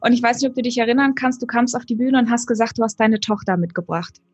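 A woman's voice: a little high, fairly even intonation, fast, husky, dry recording, dull audio. A woman hosting a podcast interview, effusive and gushing with compliments for her guest. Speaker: podcast host.

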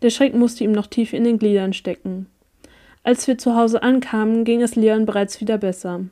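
A woman narrating a first-person story as an audiobook reader, with an even storytelling delivery. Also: a little high, moderate pace.

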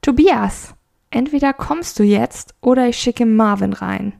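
A woman's voice: on the high side, a little slow, gravelly, darkish tone, voice pushed up. A woman voicing a caring wife who calls out from the kitchen in a teasing way. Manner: called out, teasing.

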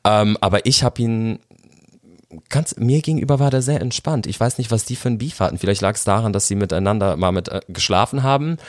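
Candid, chatty man with a lowish voice. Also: brisk, no echo, studio quality. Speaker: former reality show contestant. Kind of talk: casual interview chat.

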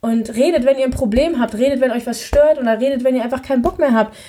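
Young woman podcasting, rambly casual monologue, lots of ähm, soft mellow tone. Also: high voice, quick pace. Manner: chatty, rambling, frequent fillers. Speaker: podcast host.

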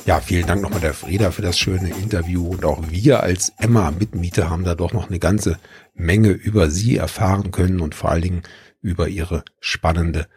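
A man hosting a podcast, calmly thanking a guest and announcing the next segment. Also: low-pitched, moderate pace, slightly rough, faint music behind. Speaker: podcast host. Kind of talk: scripted moderation.

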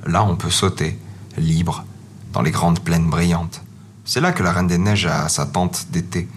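A man's voice: deep voice, a little slow, a little hiss or hum. A man voicing a reindeer dreaming of its snowy homeland in a storybook reading. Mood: dreamy. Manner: dreamy, proud. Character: reindeer, yearning for the snowy north.

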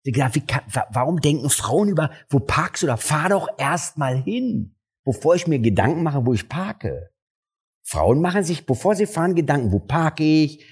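Husky comedian telling stories. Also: male voice, moderate pace. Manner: animated, acts out dialogue with jumps in pitch. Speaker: stand-up comedian. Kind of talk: casual interview storytelling.

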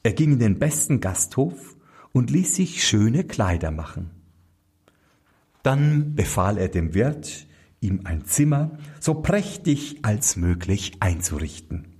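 Guy reading a fairy tale real slow, husky voice, big swoopy melody. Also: fairly low pitch, sing-song, darkish tone. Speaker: storyteller.

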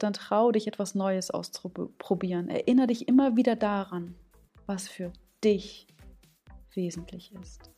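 Mellow-voiced woman coaching podcast host. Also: mid-range voice. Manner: informal coaching tone, addresses listener as du, frequent "ja?" check-ins; acts out gut and head voices in quoted asides. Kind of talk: solo podcast monologue addressing the listener.

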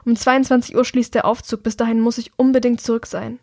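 A woman's voice: on the high side, flat delivery, brisk, darkish tone, dry recording, clean studio sound. A woman narrator voicing a troubled, withdrawn young man who speaks in a tense, subdued way. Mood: strained.

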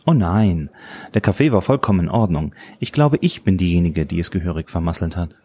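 A man's voice: sits low, big pitch swings, fairly quick, warm tone. A man reading an audiobook who voices a shaken young woman giving terse, tense replies. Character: shaken young woman, sharp-tongued under stress. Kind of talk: audiobook character voice.

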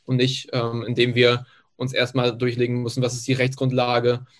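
A man's voice: medium pitch, completely flat delivery, moderate pace. A man making an insistent point on a video call panel, repeating his phrasing. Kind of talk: panel contribution.

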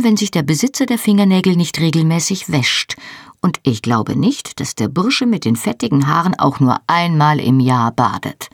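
A woman reads first-person narration from a novel in a measured, even way. Her voice is gravelly and husky. The recording is close and dry. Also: deep voice, no echo. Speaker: audiobook narrator.

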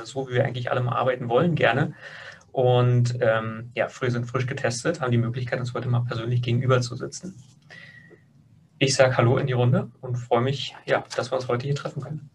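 A man's voice: mid-range voice, vocal fry, far from the mic, a little hiss or hum. A man hosting and opening the episode casually, with fillers. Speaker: podcast host. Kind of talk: show opening. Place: office space.

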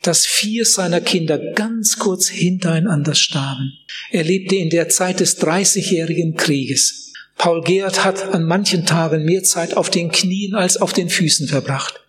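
A middle-aged man preaching a sermon, earnest and measured, slowing down for emphasis and speaking straight to his listeners. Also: high-pitched, fairly bright tone, big-room sound.

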